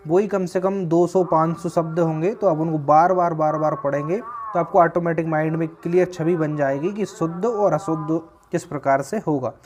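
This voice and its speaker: A man giving an exam-prep grammar lesson, explaining patiently and slowing down on key words. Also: a little high, a little mellow. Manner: explanatory, slows to stress words. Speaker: Hindi grammar teacher.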